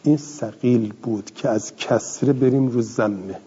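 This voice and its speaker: A man's voice: medium pitch, dark tone, breathy edge. A man teaching a grammar lesson, reading a text aloud and explaining it with questions he answers himself. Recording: dull lo-fi recording with long reverb.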